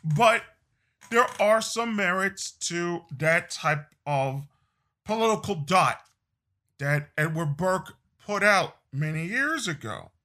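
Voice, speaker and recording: A man's voice: high-pitched, expressive, slow, bright, forceful tone. A man delivering a political opinion monologue, emphatic, repeating phrases and restarting sentences. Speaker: political commentator.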